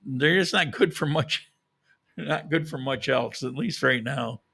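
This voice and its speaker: A vlogger chats casually with his viewers, rambling and opinionated, often restarting sentences while short of breath and losing his voice. His mid-range voice is a bit slow, creaky, pushed and bright, with a breathy edge.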